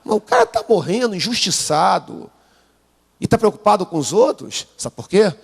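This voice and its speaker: A Brazilian pastor with a gravelly, husky voice, preaching live while unwell. His pitch leaps around, dropping to murmured asides and climbing to shouted peaks. He keeps prompting the congregation to answer, and long hall reverb surrounds every line. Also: wildly swooping pitch, moderate pace. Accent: Brazilian Portuguese. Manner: call-and-response preaching, prompting the congregation to repeat; swings from low asides to shouted climaxes. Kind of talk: sermon. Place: church sanctuary.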